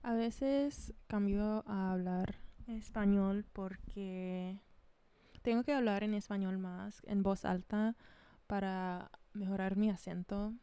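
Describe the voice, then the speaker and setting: A woman's voice: mid-range voice, steady tone, measured pace, mellow, clear, resonant tone, no room sound. A young woman chatting casually while she works, rambling off on tangents and switching between English and Spanish as a learner. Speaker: vlogger preparing DJ sets. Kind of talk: casual chat while working.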